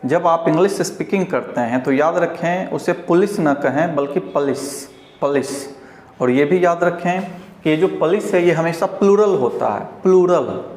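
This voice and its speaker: A man with a Bihari Hindi accent teaching English pronunciation, explaining slowly and repeating each word for learners. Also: on the high side, a little mellow. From India. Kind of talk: pronunciation lesson. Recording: echoey room.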